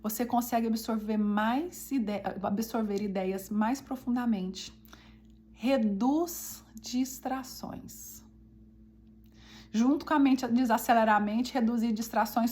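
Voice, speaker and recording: A woman's voice: on the high side, a little mellow. Brazilian woman giving a chatty devotional. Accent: Brazilian Portuguese. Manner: chatty, often asks the listeners "né?" and calls them "gente". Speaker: devotional teacher. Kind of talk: conversational devotional teaching.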